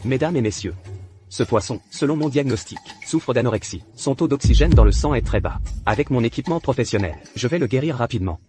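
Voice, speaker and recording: An actor dubbing a boastful, self-assured fake fish doctor in a drama, over background music. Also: male voice, mid-range voice, lively intonation, brisk, lightly acted. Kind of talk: French dub of a drama.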